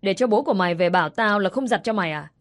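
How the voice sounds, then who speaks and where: A woman's voice: lowish voice, lively intonation, fairly quick, lightly acted. Spiteful stepmother figure in a story reading, sneering insults, voiced by a woman. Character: harsh scolding stepmother, young woman.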